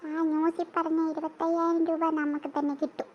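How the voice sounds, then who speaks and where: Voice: extremely high pitch, little pitch movement, a little fast, muffled recording, a little hiss or hum. A performer voicing a jittery young boy who stammers and talks urgently. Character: jittery young boy Vasu, easily scared.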